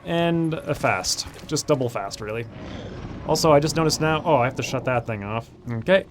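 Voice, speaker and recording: A man's voice: mid-range voice, lively intonation, moderate pace, a little hiss or hum. A man hosting a let's play, talking casually through his gameplay and thinking aloud with frequent fillers. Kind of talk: gameplay commentary.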